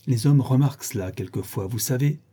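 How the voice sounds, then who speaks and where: A man reading an audiobook and voicing an effusive, gossipy young woman who flatters her friend. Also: medium pitch, a little fast, slightly rough, lightly acted. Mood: gushing.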